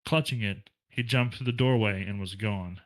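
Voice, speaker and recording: A man reading a novel aloud for a book club, in a plain, steady delivery with occasional slips and restarts. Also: fairly low pitch, moderate pace, low-quality recording.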